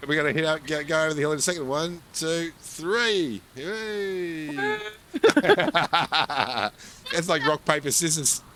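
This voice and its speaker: A man's voice: on the high side, little pitch movement, fast, few pauses, bright, forceful tone. A man casually chatting and joking while playing a multiplayer game with friends, his voice a little off today. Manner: laughs often, jokey. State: voice a bit off. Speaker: streamer, co-host of a multiplayer game. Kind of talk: casual gaming chat.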